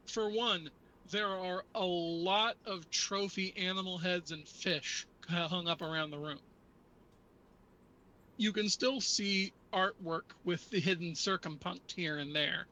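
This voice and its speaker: Male game master, higher-pitched and bright, unhurried halting narration of a tabletop game. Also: poor audio.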